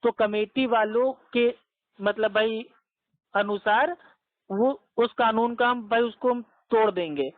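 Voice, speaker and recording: A man's voice: high voice, unhurried, no echo. A man debating over a phone call, patiently laying out his point with repeated everyday examples. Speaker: debater questioning the other caller. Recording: tinny dry phone line.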